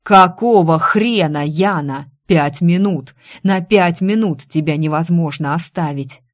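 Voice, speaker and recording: A woman voicing a gruff, domineering male boss in an audiobook, speaking slowly and menacingly, then snapping into angry scolding. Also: sits low, steady tone, darkish tone, close to an everyday voice. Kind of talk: audiobook character reading.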